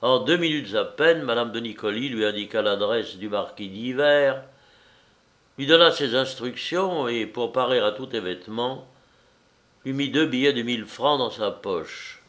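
A man narrating a classic novel in a measured, expressive storytelling voice. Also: mid-range voice. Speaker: audiobook narrator. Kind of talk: literary reading of a classic novel.

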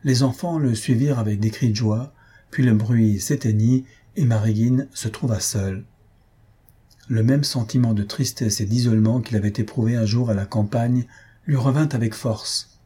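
A man narrating an audiobook in a measured, even storytelling manner. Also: medium pitch, breathy edge.

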